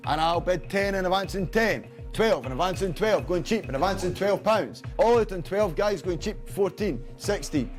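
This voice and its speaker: A man with a notably high voice works the room as an auctioneer. He chants bids in repetitive strings of numbers, urging buyers on. Music plays clearly behind him. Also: lively intonation. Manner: repetitive rapid-fire numbers and bid calls.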